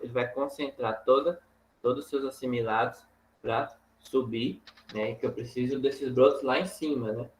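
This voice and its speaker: Male instructor, mid-pitched, halting delivery full of fillers and check-ins, faint hiss behind. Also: muffled recording. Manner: halting, many fillers and tag questions. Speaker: agronomy instructor. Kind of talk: lecture over slides.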